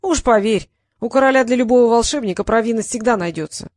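A woman's voice: a little high, very animated, moderate pace, no room sound, clean studio sound. A woman voicing a boastful, pedantic male dragon who loves riddles, speaking in a raised, emphatic, pompous way.

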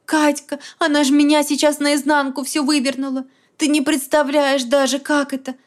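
A woman's voice: high voice, level tone, pitched above the performer's own voice, natural voice. A woman reading an audiobook, voicing a distraught young woman of twenty-eight who talks in an agitated, pleading rush. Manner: agitated, pleading, fast hot whisper. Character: upset young woman, 28, shrill and furious. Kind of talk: audiobook character voice.

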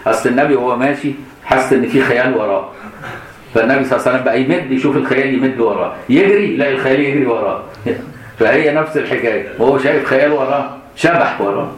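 A middle-aged man with an Egyptian Arabic accent gives a colloquial hadith commentary lesson, explaining with rhetorical questions and laughing now and then. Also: medium pitch. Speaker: religious teacher. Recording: echoey room.

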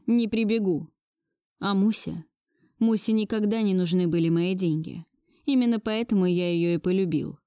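A woman's voice: mid-range voice, dark tone, no room sound, clean studio sound, natural voice. Woman voicing a defiant angry grandson. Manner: bitter, resolute outbursts. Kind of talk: audiobook dialogue reading.

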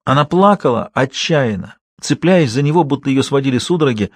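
A man reading a thriller audiobook in a calm, steady, scripted narration. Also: medium pitch, fairly quick, dry recording.

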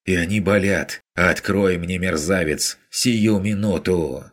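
A man voicing a furious stranded woman who shouts commands with a hoarse, shrieking edge. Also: sits low, steady tone, normal speed, pitched above the performer's own voice, natural voice. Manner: imperious, insulting, demanding. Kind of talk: audiobook character voice.

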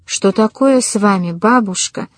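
A woman's voice: medium pitch, unhurried, dry recording, close to an everyday voice. Woman doing a desperate, pleading young woman. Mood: worried. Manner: urgent, pleading cries.

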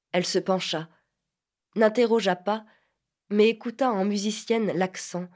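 A woman's voice: medium pitch, darkish tone. Woman reading a novel aloud. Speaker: audiobook narrator. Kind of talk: literary audiobook reading.

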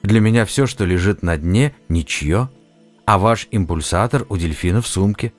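A man's voice: low voice, normal speed, soft background music, natural voice. A man voicing an amazed, earnest young man. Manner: wondering, eager questions.

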